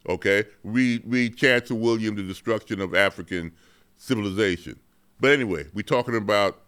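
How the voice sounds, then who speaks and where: A man's voice: mid-range voice, pushed and bright, clear, resonant tone. A man hosting an educational talk show, speaking passionately and emphatically, repeating words for stress and often checking in with "okay?". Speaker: host.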